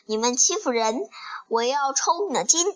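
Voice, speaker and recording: A woman's voice: high-pitched, lively intonation, normal speed. A woman voicing a bold, mischievous young boy hero in a storybook reading, defiant and cheeky.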